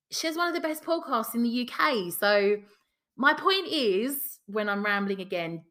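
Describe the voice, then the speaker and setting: A woman's voice: mid-range voice, sharp tone. A woman with a South London or Essex accent hosting a podcast, talking frankly and chattily on her own, swearing casually. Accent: South London/Essex English. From South London or Essex, England. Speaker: podcast host. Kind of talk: candid solo podcast monologue.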